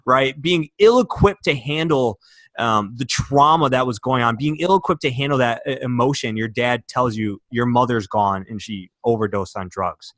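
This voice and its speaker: A man's voice: mid-range voice, normal speed, a bit bright, no room sound, clean studio sound. A young man from Michigan, a podcast guest, telling his personal story earnestly and emotionally, with many fillers and restarts. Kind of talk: candid interview storytelling.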